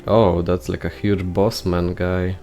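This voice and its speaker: Young male gamer, lowish voice, rambling running commentary to himself. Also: level tone, measured pace, faint music behind. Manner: rambling self-talk, thinks out loud; heavy use of "like" fillers. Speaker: gameplay commentator. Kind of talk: casual gameplay commentary.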